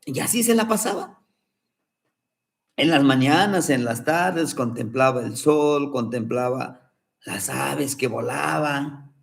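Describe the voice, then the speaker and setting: A man telling a children's fable in gentle, unhurried narration. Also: medium pitch, creaky. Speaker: storyteller. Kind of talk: oral storytelling.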